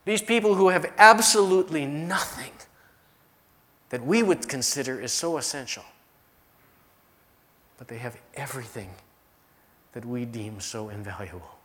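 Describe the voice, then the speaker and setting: Storytelling pastor preaching a sermon. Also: male voice, medium pitch, lively intonation, measured pace, pauses often, a bit bright. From United States. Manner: storytelling with emphatic repetition.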